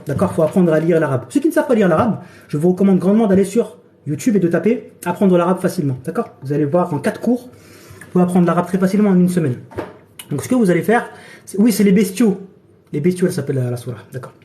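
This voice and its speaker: A fitness and nutrition coach chats casually on a TikTok live stream through his phone, his voice high-pitched, dark-toned and hoarse from a cold. He's talkative and repetitive, peppering his speech with "d'accord" and "frère."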